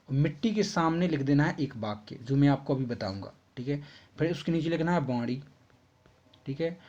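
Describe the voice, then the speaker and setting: With a fairly high, slightly mellow voice, this male teacher works patiently through textbook answers for schoolchildren, frequently checking on them. Phrases get repeated, punctuated by "ठीक है". The audio sounds muffled and a bit husky, lo-fi in quality.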